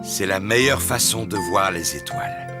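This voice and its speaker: A man's voice: deep voice, expressive, normal speed, over loud music. A man voicing a jolly, clumsy father pig in a children's cartoon, chuckling as he talks. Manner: jovial, chuckling, bouncy delivery.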